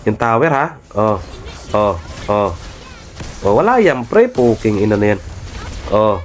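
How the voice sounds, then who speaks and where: A young man streams a mobile game, giving live commentary in a lowish, very animated but unhurried voice. He bosses his teammates, swears, and trash-talks opponents with brash, repetitive calls, tacking a tag word onto most phrases. Cocky, mocking laughs punctuate his gaming streamer talk.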